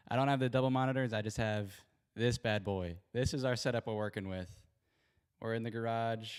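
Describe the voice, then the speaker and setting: Speaking into a spare handheld mic in an echoey home garage, a man hosts a sports show as a casual livestream. His medium-pitched voice is smooth, and his chatter rambles along with plenty of apologies.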